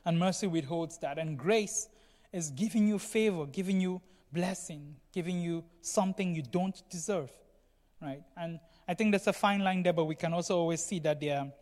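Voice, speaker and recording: The sermon comes through long hall reverb, delivered by a Cameroonian man with a high, slightly mellow voice at a normal pace. He explains things in a conversational manner and checks in with listeners again and again, asking "right?" and saying "you know."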